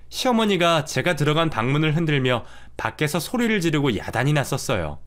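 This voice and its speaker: A man narrating a first-person drama story in a steady, matter-of-fact way. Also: medium pitch.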